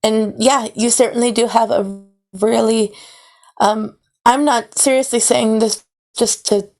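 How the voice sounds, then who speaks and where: A young woman in casual chat who talks slowly and hesitantly, with many pauses and fillers. Her voice sits fairly high. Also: fairly even intonation, darkish tone. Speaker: listener sitting in.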